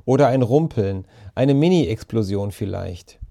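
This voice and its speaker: Brief: sarcastic, grumbling storybook boy, mellow and muttered, read by a man. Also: lowish voice, animated, unhurried, vocal fry, dry recording, heavily acted. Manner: dry, wisecracking muttering.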